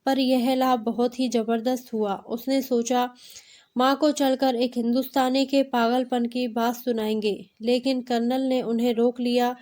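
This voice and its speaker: A woman reading a short story aloud in measured narration. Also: fairly high pitch, little pitch movement, a little mellow.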